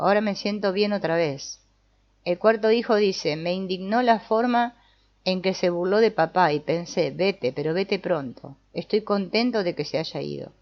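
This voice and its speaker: A woman giving a calm, measured scripted narration. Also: fairly low pitch. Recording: dull lo-fi voice-over with soft guitar music.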